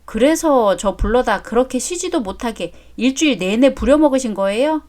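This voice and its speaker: A woman voicing a polite young daughter-in-law who speaks softly and respectfully in a story drama. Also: a little high, lively intonation, normal speed, lightly acted. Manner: polite, soft-spoken. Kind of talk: story drama read aloud.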